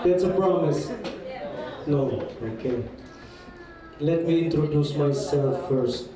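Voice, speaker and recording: A German-accented man teaching a class, friendly and teasing, speaking slowly and carefully. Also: fairly high pitch, a crowd in the background. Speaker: guest teacher. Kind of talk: classroom talk. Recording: echoey hall from far off.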